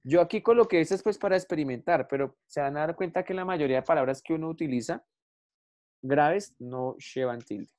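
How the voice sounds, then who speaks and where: A woman's voice: low-pitched, fairly quick, darkish tone. A woman teacher, patiently explaining a grammar lesson to her students and calling them affectionate names. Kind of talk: classroom lesson on Spanish grammar.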